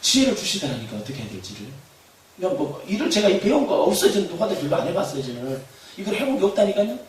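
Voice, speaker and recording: A man preaching a sermon as pastor, animated, shouting refrains and laughing as he tells stories. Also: high-pitched, quick pace. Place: church hall. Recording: echoey hall, far from mic, faint noise.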